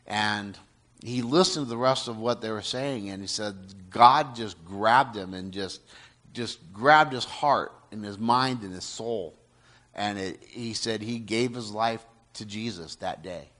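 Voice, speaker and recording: Earnest male storyteller, slightly low pitch, halting conversational delivery. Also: fairly bright tone. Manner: earnest, halting, many restarts and "you know". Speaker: storyteller retelling a testimony. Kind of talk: casual spoken retelling.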